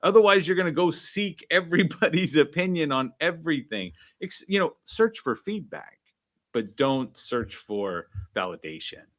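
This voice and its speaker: A man's voice: on the high side, normal speed. A man guest in a casual interview, telling stories and acting out quoted dialogue, with many "right?" and "I'm like" asides. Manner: animated, acts out quoted dialogue. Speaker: guest, sales trainer.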